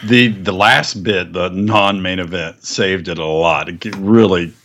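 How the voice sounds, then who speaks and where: A man's voice: low-pitched, unhurried, a bit bright. A middle-aged man co-hosting a podcast, giving wry, opinionated takes in casual chat. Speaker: podcast co-host. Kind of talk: casual chat about wrestling.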